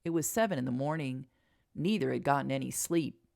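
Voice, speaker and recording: A woman narrating a romance audiobook in a calm, even reading. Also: a bass voice, fairly quick, vocal fry, dry recording, studio quality.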